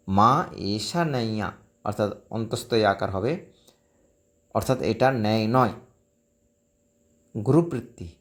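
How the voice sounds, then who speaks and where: A man teaching a Sanskrit text in a recorded lesson, slowly reciting each phrase syllable by syllable and then explaining it. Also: mid-range voice. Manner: slow, careful syllable-by-syllable recitation.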